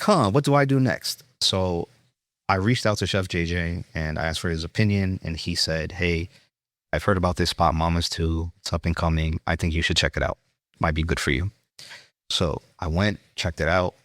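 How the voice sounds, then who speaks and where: A man's voice: sits low, dry recording, clean studio sound. A man with a New York accent, a chef being interviewed, telling his story earnestly with fillers and restarts. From Brooklyn. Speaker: chef, guest.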